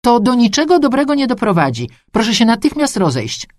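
A woman's voice: medium pitch, sing-song, a little slow, no echo, clean studio sound, voice pushed up. A woman voicing a tall, elegant man in a suit who gives formal, firm warnings in a story reading. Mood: stern.

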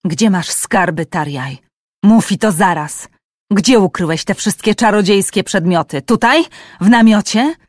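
Hissing, greedy storybook villain, voiced by a woman; loud, venomous demands. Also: medium pitch, lively intonation, unhurried, dry recording, studio quality. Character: vicious grasping male brother, hissing, hate-filled.

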